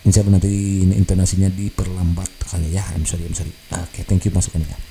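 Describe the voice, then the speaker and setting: A man's voice: low-pitched, flat delivery, fast talker, warm tone, faint music behind. A man hosting a study channel, casually reading viewer comments aloud with frequent laughs and English phrases mixed in. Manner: chatty, laughs often, mixes in English phrases. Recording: faint background noise.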